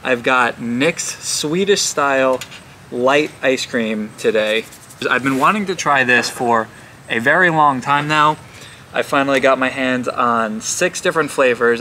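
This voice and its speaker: Speaking at a normal speed, a young man reviews food outside in a relaxed vlog manner, poking fun at himself and fumbling unfamiliar names. The tone is bright with a touch of tension, pitched in a man's middle range, over faint background sounds from outdoors.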